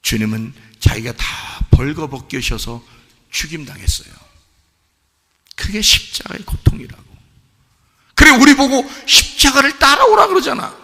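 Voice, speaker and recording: A male pastor preaches with a high, strained, bright voice that has a gravelly, husky edge. His pitch leaps around as he moves from hushed asides to shouted exhortation. The sound carries the long reverb of a church hall. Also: big pitch swings, normal speed, long pauses. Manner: rhetorical questions to the congregation. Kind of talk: sermon. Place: church sanctuary.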